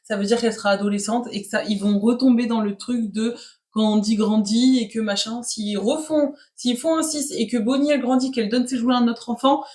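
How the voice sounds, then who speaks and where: A woman in her late twenties co-hosting a casual film critique, agreeable and quick to back up her partner. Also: fairly high pitch, steady tone, darkish tone. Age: 20s. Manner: agreeable, chimes in with short backing remarks. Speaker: film review co-host.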